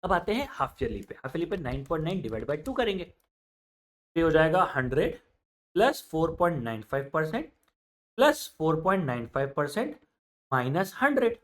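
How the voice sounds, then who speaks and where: Lively male maths teacher telling a story. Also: fairly high pitch, fairly quick. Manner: lively storyteller, switches between hushed asides and loud outbursts. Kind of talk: storytelling lesson.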